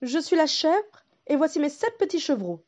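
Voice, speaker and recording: A woman's voice: sits high, very animated, a little mellow, voice pushed up. A woman voicing a bold mother goat who speaks emphatically. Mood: emphatic. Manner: quick-witted and emphatic.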